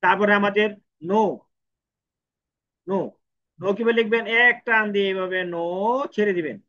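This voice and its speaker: Male language tutor, high bright voice, lo-fi sound, patient stroke-by-stroke delivery. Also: fairly even intonation, normal speed. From Bangladesh. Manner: repetitive, counts out each stroke. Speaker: Japanese language teacher. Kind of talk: step-by-step writing lesson. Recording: dull lo-fi recording.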